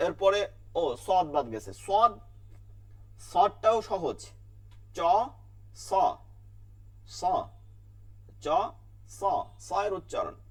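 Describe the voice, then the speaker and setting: Teacher drilling letter sounds, far from mic. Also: male voice, high voice, expressive, very slow, long pauses. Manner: explains letter sounds by repeating them, asks and answers own questions. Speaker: Quran recitation teacher. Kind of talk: online class lecture.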